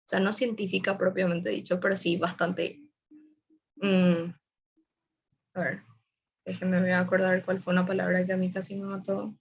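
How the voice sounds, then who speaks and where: A woman's voice: fairly low pitch, level tone, moderate pace, creaky, pauses often, slightly rough, muffled recording. A young woman gives a casual online webinar presentation, explaining tips and speaking directly to her audience. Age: young adult.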